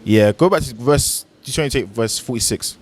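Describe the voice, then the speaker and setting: Brief: mid-pitched man from Nigeria, insistent religious debater, keeps firing questions. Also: fast talker, slight background noise. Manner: pressing, quizzing with questions. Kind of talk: street debate.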